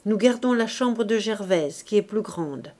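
A woman's voice: mid-range voice, lively intonation, unhurried, dark tone, natural voice. Woman voicing a touchy young newlywed man. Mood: timid. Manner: retorts with irritation. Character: young working man, newly married, sulky and defensive.

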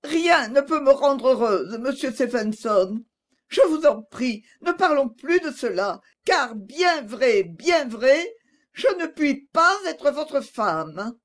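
A woman reading an audiobook voices a young woman who is gentle but firm and pleads earnestly. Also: a little high, big pitch swings, a little slow. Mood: tearful.

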